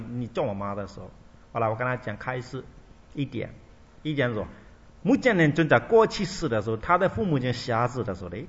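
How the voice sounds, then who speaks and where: A man speaking as a Buddhist monk giving a dharma talk, rambling, repetitive and emphatic in colloquial phrasing. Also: fairly bright tone. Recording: dull lo-fi recording with faint rumble.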